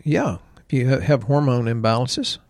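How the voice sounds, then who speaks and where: A man in his sixties co-hosts a health podcast, and he's a health practitioner himself. His voice is medium-pitched and darkish, moving at a moderate pace as he chats casually and rambles with joking asides. The studio recording is clean, with no room sound.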